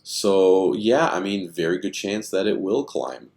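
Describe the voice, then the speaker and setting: Very deep-voiced man musing over charts. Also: animated, measured pace, a little mellow. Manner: rambling, thinking aloud with many fillers. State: tired and yawning. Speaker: stock chart commentator. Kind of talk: casual screen-share chart commentary.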